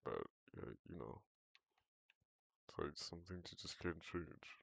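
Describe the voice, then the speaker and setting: Teen boy with a very low, gravelly voice, loose rambling gamer chat, dry close sound. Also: very animated, a little slow, fairly bright tone, no room sound. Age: teens. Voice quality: very deep voice. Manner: rambling, hesitant, self-correcting. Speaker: gaming vlogger. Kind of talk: casual chat while gaming.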